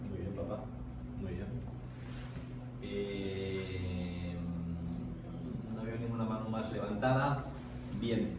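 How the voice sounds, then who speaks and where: A man's voice: on the low side, steady tone, slow pace, pauses often. A man leading a Bible study group, explaining at length and often checking in with the listeners. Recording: echoey room, far from the mic, faint noise.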